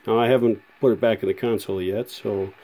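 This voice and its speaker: A man with a lowish, fast voice and fairly even intonation walks through a vintage radio repair at his bench, casual and hesitant, with frequent fillers and rambling. The fluorescent workshop lights hum behind him as he records one-handed on a handheld phone camera.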